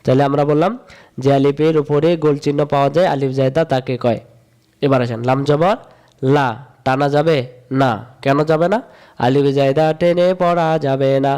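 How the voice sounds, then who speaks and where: A man leads a patient reading lesson, his voice sitting a little high. He repeats each rule in a sing-song chant and stretches the syllables out slowly so learners can follow. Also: steady tone, darkish tone, smooth. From Bangladesh. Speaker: Quran reading teacher. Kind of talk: step-by-step recitation lesson.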